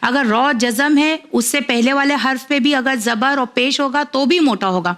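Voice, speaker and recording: A woman with a fairly high voice teaches children to read. She spells each word slowly, syllable by syllable, and then explains the rules at a brisk pace. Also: a bit bright. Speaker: Quran reading teacher for children.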